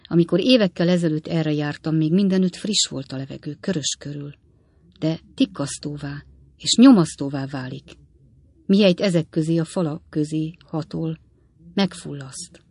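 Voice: medium pitch, a little mellow, slightly rough, no echo. A reader voicing a weak, breathless dying male prisoner who speaks faintly, in an audiobook. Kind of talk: audiobook character reading.

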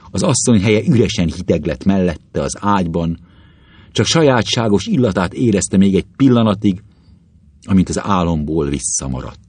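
A man reading a literary story aloud as an audiobook narrator, in an expressive, dramatic way that suddenly climbs higher in pitch at tense moments. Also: husky, no echo. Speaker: audiobook reader.

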